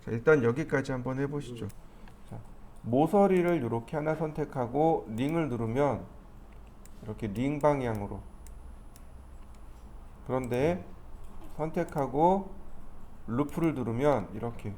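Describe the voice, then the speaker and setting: Guy walking through a 3d modeling tutorial, thinking out loud, little bit of hiss behind. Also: medium pitch, a little slow, pauses often. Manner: step-by-step explaining, thinking aloud while clicking. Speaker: 3D modeling instructor. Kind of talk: screen-recorded software tutorial.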